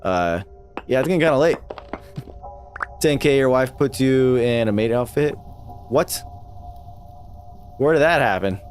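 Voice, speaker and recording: A young man chats loosely while he plays a game live, cursing and laughing as he goes. His voice sits at an ordinary middle pitch, with game music playing clearly behind him. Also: animated, measured pace, pauses often. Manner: laid-back, swears a lot, laughs often. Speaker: streamer. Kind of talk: casual live gameplay chat.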